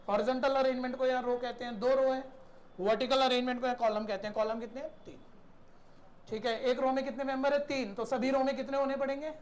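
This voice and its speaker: A man's voice: extremely high pitch, slight background noise. A man teaching a math class in a conversational lecture style, often checking in with his students and asking them questions.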